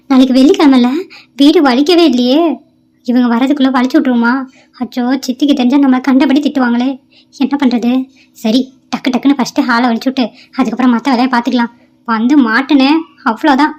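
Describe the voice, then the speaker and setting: A woman's voice: sits high, steady tone, a little fast, darkish tone, close to an everyday voice. A woman voicing a timid, overworked young stepdaughter in a cartoon, who talks in an anxious, pleading way. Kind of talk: Tamil cartoon voice acting. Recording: dull lo-fi dry recording.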